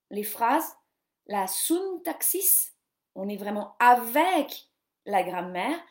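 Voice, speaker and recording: A woman's voice: fairly high pitch, a little mellow. Rambling, self-mocking woman host. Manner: rambling, self-mocking, many fillers and restarts. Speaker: podcast host doing a live reading session. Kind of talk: casual live-stream chat about reading.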